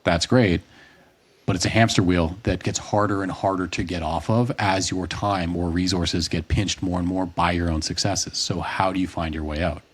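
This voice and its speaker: A man with a very low, husky voice holds forth in a casual podcast conversation. He thinks out loud in long, looping sentences, restarting himself and throwing in the occasional curse word. He sounds like a fitness coach in his late twenties or thirties. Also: steady tone, moderate pace. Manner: long rambling explanations, frequent restarts, occasional swearing.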